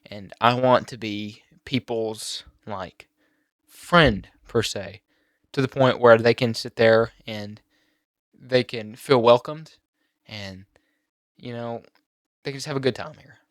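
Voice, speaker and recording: A teenage boy talking on his own channel, emotional and halting, near tears at times. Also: mid-range voice, dry recording, studio quality. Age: teens. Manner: emotional, halting with many fillers and restarts. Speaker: YouTuber. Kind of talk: personal vlog talk.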